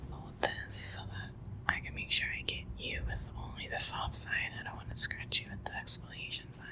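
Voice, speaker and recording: A woman whispering softly and slowly through a pampering facial and calm breathing guidance. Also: rough recording. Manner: soft unvoiced whisper, slow soothing guidance. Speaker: ASMR creator. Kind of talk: ASMR whispered facial role-play.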